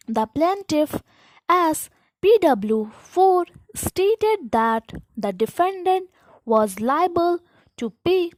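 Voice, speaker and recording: A woman giving slow school dictation, reading formal text aloud in short, deliberate phrases with pauses between them. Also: sits high, no room sound, low-quality recording. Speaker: dictation instructor.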